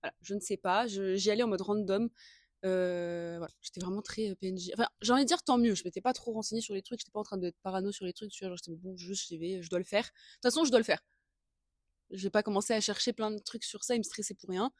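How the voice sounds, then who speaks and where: A woman's voice: mid-range voice, fast, no echo. Young female co-host, early twenties, giggly and slangy, casual storytelling, close dry sound. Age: early 20s. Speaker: podcast co-host. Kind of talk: casual chat, personal storytelling.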